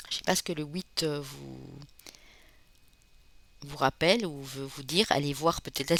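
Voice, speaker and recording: A card reader from the Spanish Basque Country giving a casual, chatty tarot reading, often tagging sentences with "hein" and calling listeners friends. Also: mid-range voice. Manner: chatty, fills pauses with "hein", calls viewers friends. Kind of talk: informal tarot reading to viewers.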